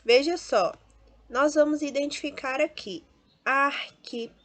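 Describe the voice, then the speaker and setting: A woman's voice: a little high, unhurried. Patient Brazilian woman teaching a class. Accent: Brazilian Portuguese. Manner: explains step by step, often adds tag questions; stresses and drawls out example words. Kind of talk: classroom lesson.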